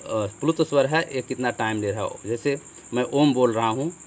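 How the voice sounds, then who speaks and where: A man's voice: mid-range voice, normal speed. A man teaching Hindi grammar as a classroom lesson, explaining step by step, asking questions and answering them himself. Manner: explanatory, repeats with "ठीक है" and rhetorical questions.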